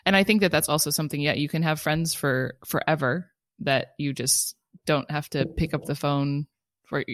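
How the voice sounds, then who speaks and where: American female co-host, low voice, relaxed conversational style, dry recording. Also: moderate pace, no room sound. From California. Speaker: podcast co-host. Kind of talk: casual chat.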